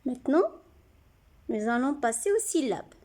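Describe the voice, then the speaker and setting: A woman teaching young children to read, sounding out syllables slowly and clearly. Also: high-pitched, very animated, mellow. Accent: French-speaking North African. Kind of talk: slow, deliberate reading lesson for children.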